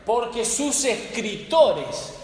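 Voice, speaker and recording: A man preaching a sermon, telling stories dramatically and slowing down with weighty pauses for emphasis. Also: very high-pitched, sing-song. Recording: echoey hall with faint noise.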